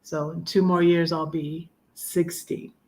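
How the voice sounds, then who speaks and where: A woman in her fifties chatting on a live stream, rambling with many pauses and fillers, sometimes singing a hymn line slowly. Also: lowish voice, flat delivery, darkish tone. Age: 50s. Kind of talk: casual live chat.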